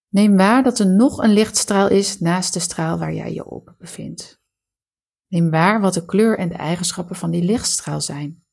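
A woman leading a guided relaxation meditation, giving calm, soothing, measured instructions. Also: mid-range voice, gravelly, husky.

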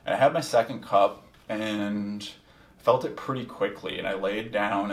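Gravelly, low-voiced man in an echoey room. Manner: candid and reflective, swears casually, frequent ums. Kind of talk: casual personal storytelling. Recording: echoey room, distant from the mic.

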